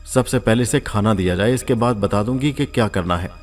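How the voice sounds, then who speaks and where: A male narrator voicing a wealthy, gracious woman who is amused, coaxing and gently commanding, in a storybook reading. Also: on the low side, soft background music, natural voice.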